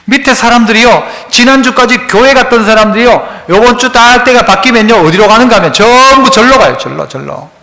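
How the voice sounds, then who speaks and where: A man's voice: very high-pitched, expressive, a little fast, gravelly, hardly any pauses, bright, forceful tone. A man preaching a sermon as pastor, telling stories and acting out the voices of the people in them. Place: church sanctuary. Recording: echoey church hall.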